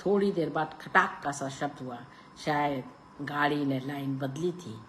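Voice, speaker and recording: A woman storyteller narrates in a hushed, deliberate delivery. Her voice sits low and moves slowly, with a faint background noise.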